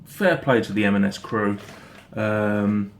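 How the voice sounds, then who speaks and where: A man giving a casual snack review in a halting, rambling way, often repeating himself. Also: on the low side. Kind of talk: casual product review chat. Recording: noticeable background noise.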